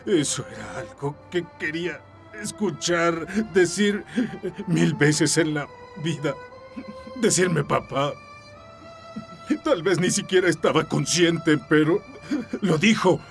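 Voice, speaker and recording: An actor dubbing a grief-stricken, unhinged father in a TV drama, pleading in a gravelly voice and repeating denials. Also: a little high, takes it slowly, faint music behind. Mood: grieving. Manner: repeats denials, slides into a sobbing lullaby. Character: grief-stricken father, unhinged, denying his son's killing. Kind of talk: dubbed TV drama.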